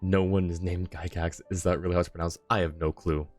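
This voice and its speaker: With a low voice and a brisk delivery, a weary man streams a game late into the night as faint music plays behind him. He mumbles through casual gameplay chat in a relaxed way and reads the on-screen text aloud.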